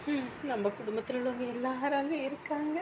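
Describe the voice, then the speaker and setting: A woman's voice: high-pitched, a little fast, close to an everyday voice. A woman shut out by her family, played by an actress, speaks. She sounds wounded and pleads her case. Light noise runs behind her. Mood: sorrowful. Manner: hurt, pleading, defensive. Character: shunned woman, ashamed and wounded. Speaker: estranged sister of the host family. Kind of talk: village family drama acting.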